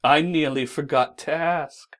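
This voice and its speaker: A woman voicing a grinning, sly male cat in a storybook reading, speaking slowly and loudly with a drawn-out, teasing delivery. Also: low-pitched, voice pushed down. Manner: slow, drawn-out and loud.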